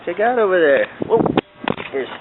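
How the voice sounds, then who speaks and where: Here the man's voice sits high and sounds very animated, moving at a normal speed as he baby-talks and coaxes his dog in the back yard. He films on a handheld camera whose tinny, lo-fi audio picks up faint outdoor noise.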